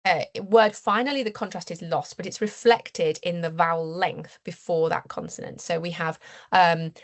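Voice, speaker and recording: An English woman lecturing at a university seminar, measured and careful, with frequent fillers and restarts. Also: on the low side, fairly even intonation. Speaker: university researcher giving a seminar talk. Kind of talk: academic lecture.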